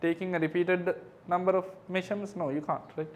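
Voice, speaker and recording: A man's voice: sits high, fairly even intonation, fast talker, lo-fi sound. A male physics tutor reviewing exam questions, working through figures step by step and checking understanding with tag questions.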